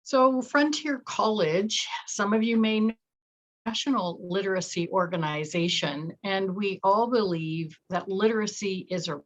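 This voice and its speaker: A woman's voice: mid-range voice, measured pace, rough recording. A woman presenting on a video call, her audio cutting in and out with uneven volume. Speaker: program coordinator presenting.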